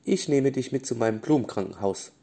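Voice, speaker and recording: A man's voice: mid-range voice, brisk, warm tone, natural voice. Man doing a kind, eager little girl. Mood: reassuring. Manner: reassuring, eager. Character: kind helpful little girl who heals flowers.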